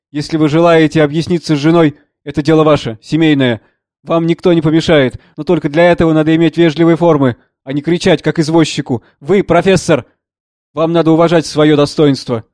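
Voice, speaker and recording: A man's voice: a little high, darkish tone, no room sound, lightly acted. A man playing a strong, insolent bully, sneering, condescending, dry close sound. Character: burly, mocking, insolent man.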